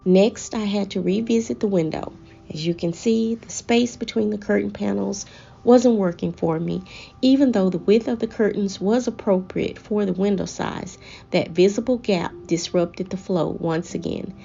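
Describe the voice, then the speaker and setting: A woman narrates a home makeover as a scripted voice-over, with measured, deliberate phrasing. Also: medium pitch, vocal fry, dark tone, slightly rough, highs cut off. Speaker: home decor vlogger presenting a makeover. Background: background music.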